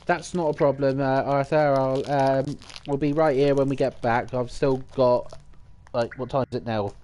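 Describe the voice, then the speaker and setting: A man's voice: mid-range voice, fairly even intonation, normal speed, mellow. A young man chatting casually to viewers on a live game stream, rambling and reading out messages as they come in. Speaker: livestreamer. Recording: music playing in the background.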